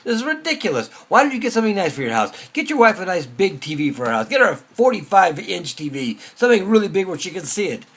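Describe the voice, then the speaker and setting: A man voicing the evil inclination as a nagging male tempter who taunts and badgers loudly. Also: high voice, sing-song, fast talker, hardly any pauses, husky, voice pushed up, exaggerated voice. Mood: taunting.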